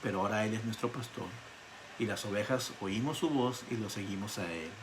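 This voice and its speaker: A male pastor giving an online Bible study sermon, telling stories in an animated way and repeating words for emphasis. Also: fairly low pitch, fairly quick, background noise. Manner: animated storytelling with emphatic repetition.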